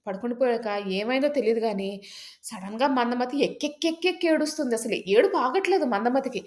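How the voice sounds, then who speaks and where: A woman's voice: a little high, quick pace, darkish tone. A woman storyteller telling a folk tale in a chatty, casual way, with many fillers and asides.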